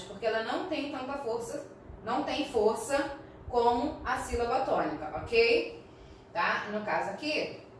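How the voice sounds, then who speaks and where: A woman's voice: fairly high pitch, fairly bright tone, slight background noise. Patient Brazilian teacher woman, echoey room. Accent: Brazilian Portuguese. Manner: slow, patient, frequent check-ins with the class. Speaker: primary school teacher. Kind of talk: recorded remote class lesson. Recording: echoey room, mic at a distance.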